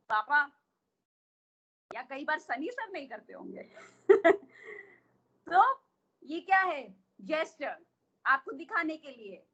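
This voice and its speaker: A woman's voice: high voice, bright, forceful tone, muffled recording. A woman coach with an Indian accent teaching an online workshop, explaining patiently and asking the listeners questions.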